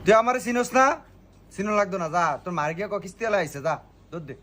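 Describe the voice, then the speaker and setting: A man's voice: high-pitched, lively intonation, racing, fairly bright tone. A man, playing a loan collector in a comic sketch and talking in a demanding, scolding way. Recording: noisy background.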